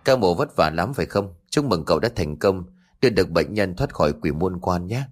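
A man voicing a tired middle-aged hospital department head who talks calmly and kindly. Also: low-pitched, brisk, breathy edge.

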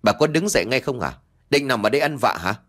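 A man's voice: mid-range voice, animated, quick pace, a bit bright, faint music behind. A man voicing a greedy, spiteful village daughter-in-law who nags and scolds sharply in a storybook reading. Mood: scolding.

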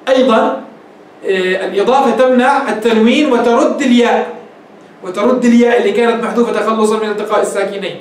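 Man, Levantine Arabic accent, very high voice, rapid delivery, grammar lesson, heavy room echo. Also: slight background noise. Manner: explanatory, checks understanding with quick questions. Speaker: Islamic scholar teaching grammar. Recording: echoey room, mic at a distance.

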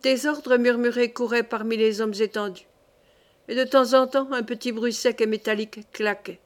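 A woman narrating a classic short story in a measured, expressive way. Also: fairly high pitch. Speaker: reader. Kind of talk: literary audiobook narration.

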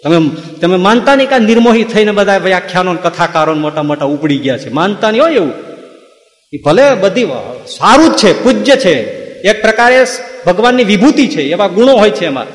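A man's voice: high voice, very animated, brisk, roomy sound, big-room sound. A man giving a devotional sermon to a gathering, full of rhetorical questions and teasing asides. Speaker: religious discourse speaker.

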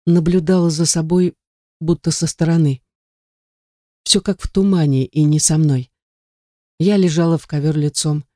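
A woman's voice: deep voice, mellow, dry recording, clean studio sound. A woman narrating a first-person romance novel with emotional, dramatic delivery. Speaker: audiobook narrator.

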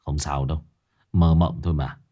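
A man voicing a gruff middle-aged village husband in a ghost story, blunt and scolding. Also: rumbling low, steady tone, normal speed, warm tone, dull audio, voice pushed down. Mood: soothing.

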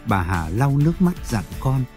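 A man narrating a story aloud in an expressive storytelling manner. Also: moderate pace, faint music behind. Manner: expressive storytelling with swooping pitch.

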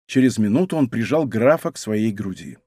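A man narrating a historical adventure audiobook with an expressive, dramatic reading. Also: on the low side, a little fast, dry recording, studio quality.

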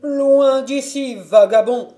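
A woman reading a storybook aloud and voicing a contemptuous male castle doorman who yells at visitors. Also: medium pitch, animated, measured pace, faint music behind, natural voice. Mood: scornful. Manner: contemptuous, shouting.

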